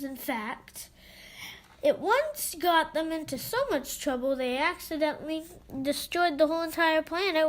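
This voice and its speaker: A child reads a children's book aloud with expression, in a voice that sits high. The delivery is halting, with stumbles over words.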